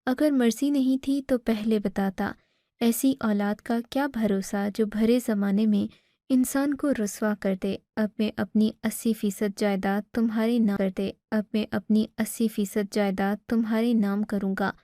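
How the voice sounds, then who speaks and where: A woman's voice: medium pitch, steady tone, dark tone, no echo, clean studio sound, close to an everyday voice. A woman voicing an angry, stern older father who lays down terms to his son.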